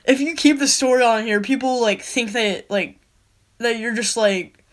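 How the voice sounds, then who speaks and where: A young woman who reviews stories online, reading one aloud and breaking off with quick, incredulous questions. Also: fairly high pitch. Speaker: online story critic. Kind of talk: casual reading and critique.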